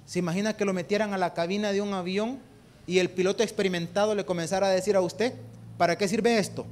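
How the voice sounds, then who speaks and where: High-voiced Salvadoran preacher. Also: male voice, fairly even intonation, fast, darkish tone, slight background noise. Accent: Salvadoran Spanish. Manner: rhetorical questions to the congregation, calling them brother; homely, folksy examples. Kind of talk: sermon.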